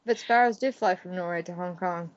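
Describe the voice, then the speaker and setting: A woman's voice: fairly low pitch, brisk. A young woman co-hosting a podcast over an online call, playful and laughing often. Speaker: podcast co-host. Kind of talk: casual chat. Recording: dull lo-fi call audio.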